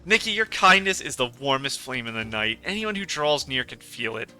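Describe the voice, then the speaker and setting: Man reading as a gentle wise woman shopkeeper. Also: medium pitch, smooth, soft background music. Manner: calm, measured, advising.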